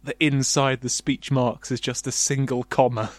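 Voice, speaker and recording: A man's voice: mid-range voice, little pitch movement, moderate pace, dry recording. A man hosting a comedy podcast, reading silly fan fiction aloud with a mock-dramatic delivery and frequent laughter.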